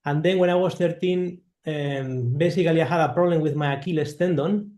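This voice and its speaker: A man's voice: fairly high pitch, brisk, darkish tone, roomy sound. A man from Spain with a Spanish accent, speaking as a guest composer in an interview, thoughtful and hesitant with many fillers. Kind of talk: interview conversation.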